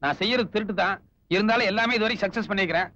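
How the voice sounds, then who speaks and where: A quick, bright-voiced wry thief. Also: male voice, high voice. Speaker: thief turned helper. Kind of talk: film dialogue. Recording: dull lo-fi film audio with music.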